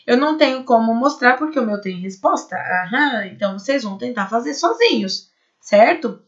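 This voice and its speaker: A woman's voice: fairly high pitch, expressive, normal speed. Brazilian lady teaching spanish class, keeps asking "right?", kinda muffled recording. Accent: Brazilian Portuguese. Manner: explains patiently to students, checks in with "né?" and "certo?". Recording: lo-fi dull recording.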